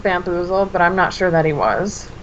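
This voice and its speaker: A woman's voice: lowish voice, lively intonation, normal speed, muffled recording, slight background noise. A woman co-hosting a casual podcast chat, opinionated and dryly sarcastic. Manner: opinionated and wry, sarcastic asides. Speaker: podcast co-host.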